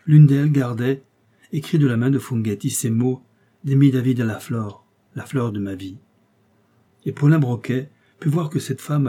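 A man reading a novel aloud in measured, steady scripted narration. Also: medium pitch, breathy edge. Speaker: audiobook reader.

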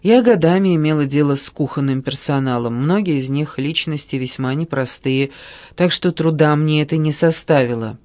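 A man's voice: a little high, moderate pace, darkish tone, lightly acted. A man voicing a blunt, sarcastic young woman. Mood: dry curt. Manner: curt, dry sarcasm. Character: blunt cool-headed pregnant young woman.

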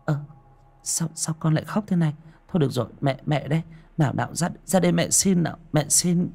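Man playing a gentle mother calming a child, pitched up, breathy. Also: a little fast. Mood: soothing. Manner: gentle, coaxing, repeating words. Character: young mother soothing her child.

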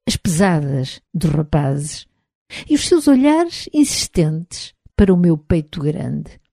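A woman with a European Portuguese accent reading a novel aloud as an audiobook narrator, in a measured, even literary delivery. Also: low voice, no echo, clean studio sound.

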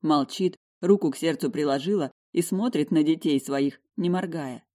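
A woman narrating an audiobook in the first person, in a lively, emotional way. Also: deep voice, normal speed. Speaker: audiobook reader.

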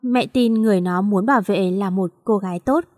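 A woman narrator voicing a caring, wealthy older mother who talks warmly and reassuringly to her daughter. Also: medium pitch, fairly quick, no room sound, studio quality, natural voice. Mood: fond.

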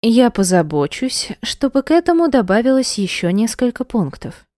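A woman's voice: on the high side, very animated, normal speed, dark tone, no echo, studio quality, voice pushed up. A woman reading an icy, jealous wife. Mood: cold menace. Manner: icy, hissing and contemptuous. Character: cold, unhinged jealous young wife. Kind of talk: audiobook character reading.

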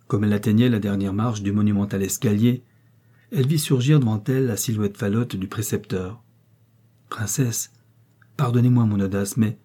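Husky man narrating a novel. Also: fairly low pitch, warm tone. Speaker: audiobook narrator.

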